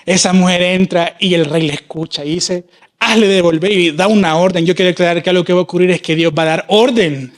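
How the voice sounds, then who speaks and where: A man's voice: high-pitched, fairly even intonation, quick pace, hardly any pauses. A man from El Salvador preaching an impassioned church sermon, voicing prayers aloud and drawing out words for emphasis. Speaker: prophet preaching.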